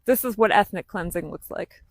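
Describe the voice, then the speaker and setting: A woman giving a deliberate, earnest field report to her followers as an on-the-ground war reporter. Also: mid-range voice, no echo.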